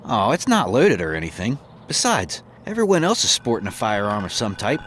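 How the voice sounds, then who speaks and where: An actor playing a naive, easygoing stranger who speaks offhandedly. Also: male voice, on the low side, huge pitch swings, a little fast, a bit bright, a little hiss or hum. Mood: offhand. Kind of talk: audio drama acting.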